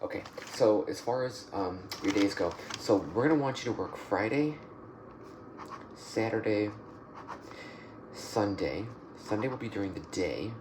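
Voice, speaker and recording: A soft-spoken man in an ASMR job interview role-play, playing the interviewer and speaking haltingly, often repeating and rephrasing his phrases. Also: on the low side, expressive. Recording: noisy, with clicking and typing sounds.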